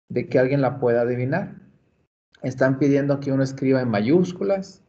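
A Mexican man with a slightly mellow voice on the high side guides viewers through computer tasks in a library screencast. He goes step by step, slow and patient, and the audio is dull and lo-fi.

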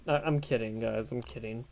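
A man's voice: medium pitch, moderate pace, gravelly, fairly bright tone. A young man hosting a livestream, chatting casually and joking around. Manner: joking, rambling, self-deprecating. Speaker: channel host streaming.

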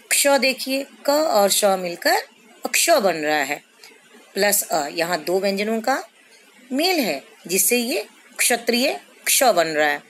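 A woman teacher explaining a lesson slowly to children, stretching out sounds and examples. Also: mid-range voice, a little hiss or hum. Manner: slow, explanatory, addresses children, drawn-out syllables. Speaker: school teacher. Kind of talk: recorded classroom lesson.

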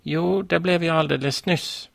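A man's voice: on the high side, steady tone, vocal fry, no room sound, pitched above the performer's own voice. A man voicing a solemn, stubborn little girl who insists she is a princess, in a children's story. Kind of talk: storybook reading.

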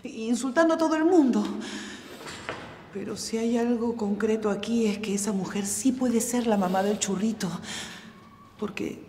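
A middle-aged actress playing a devoted godmother who soothes and coaxes, repeating herself to calm others. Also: fairly high pitch, moderate pace, slight background noise, close to an everyday voice. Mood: coaxing. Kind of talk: telenovela acting.

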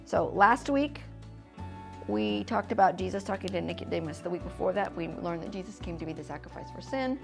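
A woman's voice: lowish voice, lively intonation, fairly quick, gravelly, music in the background. A middle-aged American woman teaching a children's church lesson in a classroom, chatty and informal, with easy laughs. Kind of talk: casual teaching demonstration. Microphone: fixed camera, mid distance.

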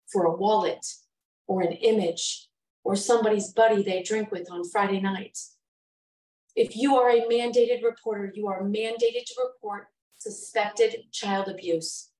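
A woman's voice: medium pitch, a little mellow. A middle-aged woman giving a prepared talk to an audience, impassioned, with emphatic repetition and rhetorical questions. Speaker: public speaker and trainer. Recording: roomy echo, mic from far off.

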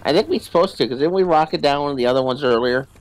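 Over poor audio, game noise and ambience, a man playing a co-op video game fires off his words rapidly in a fairly high voice. It's casual gaming chat, and he's kidding around with a friend.

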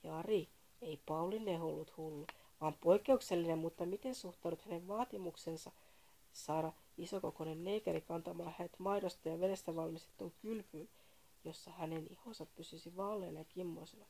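A woman's voice: fairly low pitch, warm tone. A woman voicing a fussy male caller who lectures about history in a read-aloud story, prim and indignant. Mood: lecturing.

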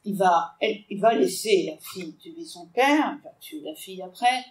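A woman giving an animated book talk to an audience, with hesitations as she summarizes the plot. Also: lowish voice, moderate pace. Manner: animated, digressive, with frequent hesitations. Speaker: literature lecturer. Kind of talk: book talk with read-aloud excerpts. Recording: echoey room, mic far off.

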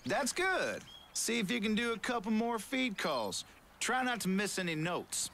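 A man's voice: high voice, huge pitch swings, a little slow, vocal fry, bright, forceful tone, slight background noise, heavily acted. A man playing a patient, encouraging backwoods duck hunter who gives easygoing instructions in a video game tutorial. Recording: game audio with ducks and ambience.

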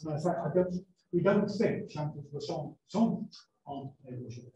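Male speaker, high pitch, chatty Q&A answers, ums and laughs, echoey room. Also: expressive, moderate pace, mellow, muffled recording. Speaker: guest speaker on sea shanties. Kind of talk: answering audience questions. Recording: roomy echo.

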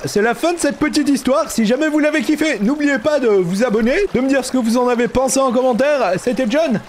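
A young man with a French accent giving excited commentary on a Minecraft horror map, full of startled shouts and exclamations. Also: extremely high pitch, a little hiss or hum. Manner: loud exclamations, frequent startled "oh!" outbursts. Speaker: gaming YouTuber.

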